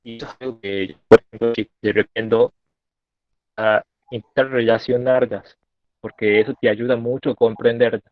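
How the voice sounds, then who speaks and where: A man's voice: medium pitch, steady tone, dry recording. Guy on a choppy video call in class, keeps cutting out, tinny phone sound, dry, stumbles a lot. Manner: hesitant, halting, many fillers and restarts. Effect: choppy online call connection, cutting out. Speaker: student. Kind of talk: speaking up in an online class.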